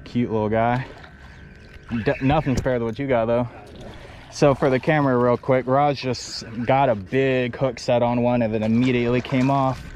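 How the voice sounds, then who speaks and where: A fishing guide gives casual, on-camera commentary while filming his charter, excitedly describing catches and laughing frequently. He has a mid-range voice and is recording with a head-mounted action camera on a small boat on open shallow flats outdoors. Wind and water noise come through.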